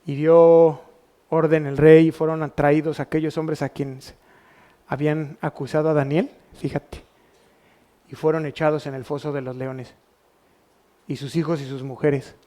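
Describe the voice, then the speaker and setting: Pastor, Mexican Spanish accent, male, lightly raised pitch, preaching with rhetorical questions to his congregation. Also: little pitch movement, measured pace, pauses often, warm tone. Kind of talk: sermon. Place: church.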